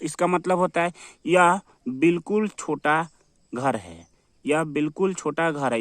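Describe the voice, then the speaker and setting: Male teacher, slightly high voice, dry close recording, drills words with self-answered questions. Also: a bit bright, no echo. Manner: repetitive, asks and answers his own questions. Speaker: English teacher. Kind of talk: classroom-style vocabulary lesson.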